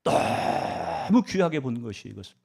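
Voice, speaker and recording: A man's voice: medium pitch, sing-song, unhurried, gravelly, darkish tone, husky. A male pastor delivering a Sunday sermon, asking the congregation rhetorical questions and swinging his emphasis up and down.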